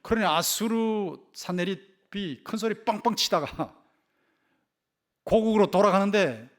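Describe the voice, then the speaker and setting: Male pastor, higher-pitched voice, emphatic Sunday-sermon delivery with repeated key words. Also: expressive, unhurried. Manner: asks the congregation rhetorical questions. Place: church sanctuary.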